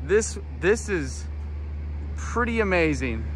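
A man in his thirties telling a story on a walking tour vlog, excited and rambling with fillers, filmed outdoors beside warehouses on a camera held at arm's length. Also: sits high, takes it slowly, a little hiss or hum. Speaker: vlogger. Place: outdoors on a street by industrial warehouses. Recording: loud music under the voice.

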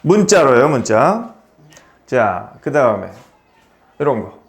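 A man's voice: medium pitch, very animated, slow. A man teaching an English grammar lesson in a small academy classroom, explaining step by step and quizzing his students with questions.

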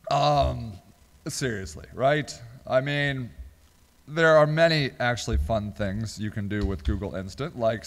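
A man's voice: a little high, big-room sound. A man giving casual comedic commentary as a show host, sarcastic and incredulous, often breaking into giggles. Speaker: host of a small business video show.

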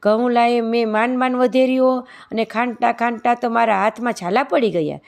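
Naive young widowed daughter-in-law, read by a woman narrator, earnest and slightly high. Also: steady tone, moderate pace, vocal fry, a little mellow.

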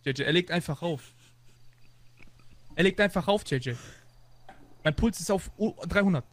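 A man's voice: a little high, normal speed, fairly bright tone. A man ranting in an agitated, repetitive, swearing way during online game role-play.

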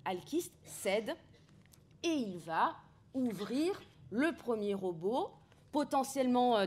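Woman lecturing at a seminar, lots of ums and restarts, mid-pitched voice. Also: darkish tone. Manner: hesitant, many filler sounds and restarts. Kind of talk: academic lecture.

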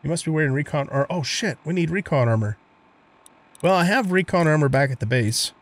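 A man's voice: on the high side, lively intonation, fairly quick. A man giving casual gameplay commentary, musing aloud in a rambling way. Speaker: gamer narrating a let's play.

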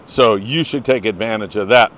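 A lowish, slightly bright voice at normal speed belongs to an older American man hosting a casual fishing report show. He's folksy and chatty with plenty of enthusiasm, and he congratulates people by name.

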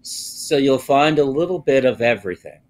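An older man speaking as a guest on a live TV interview over a video call from a wood-panelled office, measured and pausing often with "uh". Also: medium pitch, lively intonation. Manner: slow, measured, frequent "uh" pauses. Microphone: video call, webcam close up.

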